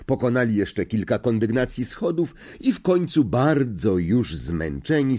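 A man narrating an audiobook in an expressive way, acting out the characters. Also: on the low side. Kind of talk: scripted narration.

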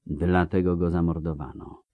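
A man's voice: low voice, level tone, normal speed, dry recording, close to an everyday voice. Man reading as a bitter, neglected boy prince. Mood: bitter brooding. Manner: quiet, resentful inner monologue.

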